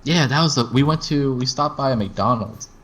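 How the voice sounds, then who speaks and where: A man's voice: medium pitch, normal speed, a bit bright. A man from Texas with a general American accent, chatting casually and telling rambling stories with many restarts. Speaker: streamer host. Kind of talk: casual chat.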